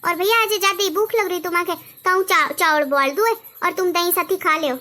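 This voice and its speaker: A woman playing a sharp-tongued, lazy sister-in-law who scolds and makes excuses. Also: very high-pitched, moderate pace. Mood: taunting.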